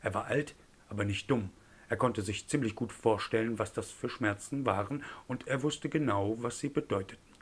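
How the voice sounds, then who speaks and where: Male audiobook narrator, measured storytelling, lowish voice. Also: breathy edge.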